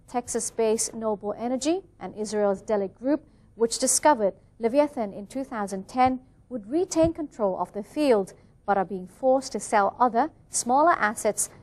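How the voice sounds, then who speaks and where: A woman's voice: mid-range voice, darkish tone. A woman reading scripted television news as an anchor.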